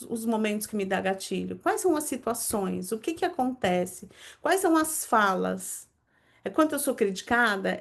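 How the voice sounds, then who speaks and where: Brazilian woman, lively devotional storyteller. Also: fairly high pitch. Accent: Brazilian Portuguese. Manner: lively storyteller, animated emphasis, quick asides. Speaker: host of a daily devotional. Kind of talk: devotional conversation with personal stories.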